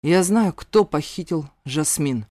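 A woman's voice: deep voice, animated, slow, warm tone, no room sound, full character voice. A woman reading an audiobook voices a stubborn, hot-headed young male warrior who speaks with desperate defiance. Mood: defiant.

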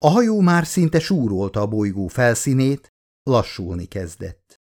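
Man, audiobook narrator, from hungary, mid-pitched voice, reads steady, lifts voice for dialogue. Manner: acts out crew dialogue with raised pitch and excitement. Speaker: author reading his own audiobook.

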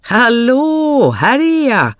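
A reader doing a loud, eager young fool. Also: medium pitch, big pitch swings, dry recording, studio quality, voice pushed up. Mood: eager, boisterous. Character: foolish cheerful young peasant brother.

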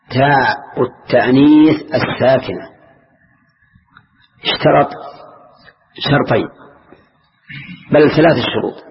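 A man's voice: medium pitch, slight background noise. An older man teaching a grammar lesson, patiently questioning his students and repeating key words. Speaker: Islamic scholar teaching grammar. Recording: dull lo-fi lecture recording.

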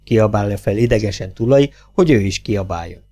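A man narrating an audiobook in a brisk, lively reading voice. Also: on the low side, faint music behind.

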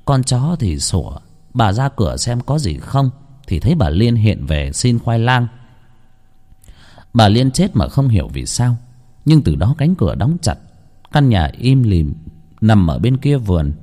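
A man narrating a village ghost story in a hushed, suspenseful storytelling manner. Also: lowish voice.

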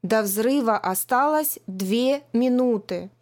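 A woman voicing a calm automated countdown announcement in an audiobook, measured and unhurried like a ship computer. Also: a little high.

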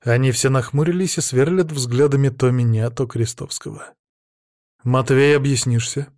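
A man reading first-person audiobook narration in a calm, steady manner. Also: mid-range voice, normal speed, dry recording, clean studio sound.

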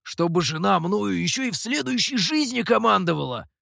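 A man's voice: fairly high pitch, very animated, a little slow, creaky, sharp tone, no echo, clean studio sound, exaggerated voice. A man voicing a teasing, gloating male monkey demon in an audiobook, speaking in a mocking tone. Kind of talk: audiobook character voice.

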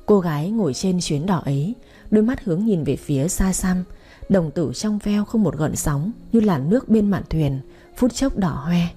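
A woman narrating a story in a steady, dramatic way. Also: on the low side, normal speed, breathy edge.

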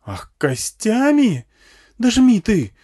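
A man's voice: fairly high pitch, sing-song, slow, dark tone, breathy edge, pitched above the performer's own voice, heavily acted. A man reading an audiobook voices a hysterical, jealous, foul-mouthed woman from the wasteland who shrieks in panic and fury. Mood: spiteful.

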